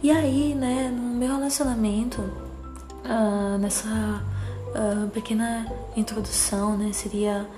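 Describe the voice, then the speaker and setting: A woman with a cutesy, soft voice giving a reflective personal monologue in a gentle, hesitant manner, often adding little tag questions. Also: fairly high pitch, steady tone, slow pace, over music. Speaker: psychologist.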